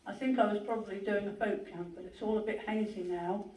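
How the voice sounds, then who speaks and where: The host of a memorial gathering, reading tributes and introducing speakers in a gentle, unhurried way with small hesitations. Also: mid-range voice, fairly even intonation. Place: large hall at a memorial gathering. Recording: echoey hall, from a distance, faint noise.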